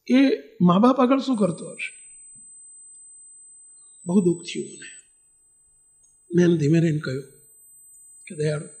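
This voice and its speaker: High, gravelly-voiced preacher man. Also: mellow. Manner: storytelling, addresses the devotees directly with rhetorical questions. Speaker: swami giving a religious discourse. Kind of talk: sermon storytelling.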